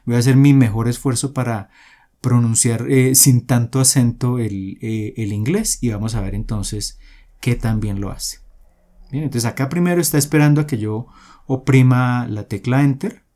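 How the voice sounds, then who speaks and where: A man giving a coding tutorial, explaining step by step in a steady voice with many fillers and restarts. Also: medium pitch, moderate pace. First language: Spanish. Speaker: programming tutor. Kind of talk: screen-recorded coding tutorial.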